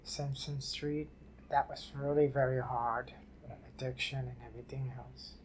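An older woman from New City, telling her life story haltingly in an oral history interview. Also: extremely low pitch, level tone, slight background noise. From New York City. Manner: halting, repeats and restarts phrases. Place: library office.

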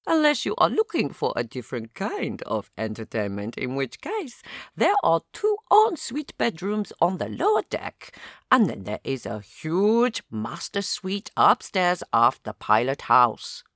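A woman's voice: low voice, wildly swooping pitch, measured pace, no echo, clean studio sound, voice pushed up, exaggerated voice. A woman voicing a boastful man with an extravagant English accent who shows off a luxury research boat in an audio drama. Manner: extravagant, salesy and self-satisfied. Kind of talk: audio drama narration with character voices.

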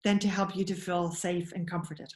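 A woman, a parenting educator, explaining ideas in an interview with an earnest, animated manner and frequent restarts. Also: fairly low pitch, moderate pace, roomy sound.

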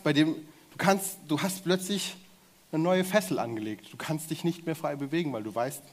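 A man delivers a sermon in German, speaking directly and with energy as he gets the audience to shout along. His pitch is fairly high, with a breathy edge.

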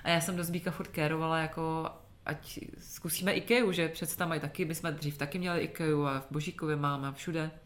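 Co-host: Czech woman, thirties, low-pitched, laughing storyteller, casual swearer. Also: steady tone. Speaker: podcast co-host. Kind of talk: casual chat.

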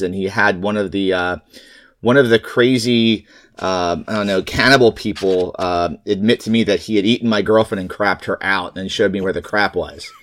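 A man's voice: lowish voice, fairly bright tone. A man hosting a podcast in casual, jokey, rambling chat. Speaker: podcast host.

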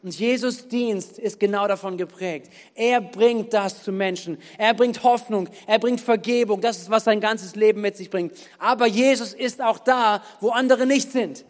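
A male pastor delivers a sermon with a fairly high voice, rising hard on key phrases of scripture. His words ring out in a church hall with a long reverb tail. He stumbles and restarts phrases as he preaches freely. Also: moderate pace, few pauses. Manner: emphatic preaching with dramatic scripture readings and restarts.

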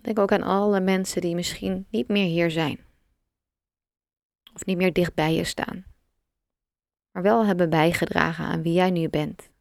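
A woman guiding a meditation, speaking slowly and softly with long pauses. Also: fairly low pitch, gravelly, dry recording, studio quality. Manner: slow, soft and calm, with long pauses. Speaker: meditation guide. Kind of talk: guided meditation.

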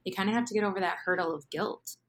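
A woman's voice: medium pitch, quick pace, fairly bright tone. A woman hosting a podcast interview, reflecting on and summarizing what her guest says. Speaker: podcast host.

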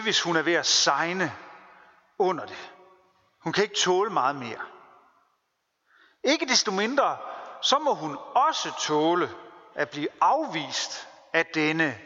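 A man preaching a sermon as pastor, earnest and deliberate, stressing his points through repetition. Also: on the high side, pushed and bright. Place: church. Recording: long church reverb, dull lo-fi sound.

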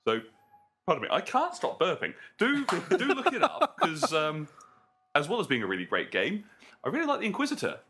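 A man co-hosting a casual podcast panel about video games, talking in a playful, lively way. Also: fairly high pitch, moderate pace, slightly rough. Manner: animated, playful, breaks into silly voices. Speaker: podcast co-host.

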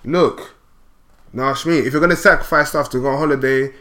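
A man's voice: medium pitch, a little fast, a bit bright. A man in his twenties with a London roadman accent, chatting casually with emphatic, repetitive slang. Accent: London roadman, urban slang accent. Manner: slangy, emphatic, repeats himself. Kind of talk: casual chat.

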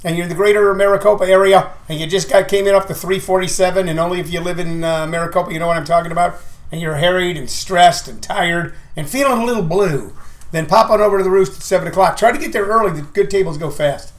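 A man's voice: high voice, fast. A man talking in a rambling, comic monologue as a comedian and show host, with a folksy, emphatic manner that leans on repeated phrases. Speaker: comedian and show promoter hosting his own talk.

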